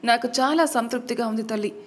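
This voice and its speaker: A woman's voice: a little high, a little fast, slightly rough. A woman voicing a dying, repentant older mother who speaks with resignation. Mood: resigned.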